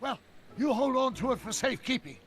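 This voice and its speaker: An actor playing an older, excitable male scientist who rambles through long explanations. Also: very high voice, brisk, a little hiss or hum. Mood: chatty.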